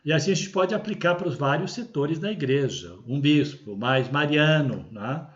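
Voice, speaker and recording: A man's voice: a little high, expressive, moderate pace. A man with a Brazilian Portuguese accent, a bishop giving an unscripted religious teaching, explaining carefully and often checking in with tag questions. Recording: dull lo-fi recording.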